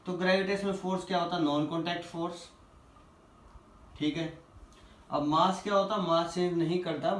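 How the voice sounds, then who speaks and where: A male physics teacher going through quiz questions, asking the class questions and answering them himself, reading English questions slowly before explaining. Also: a little high, far from the mic, a little hiss or hum. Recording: echoey room, voice a little off-mic.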